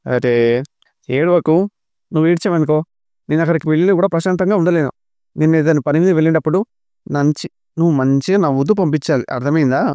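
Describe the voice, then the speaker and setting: A man voicing a calm, firm elder brother who gives instructions. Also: on the high side, fast, pauses often, no room sound, close to an everyday voice.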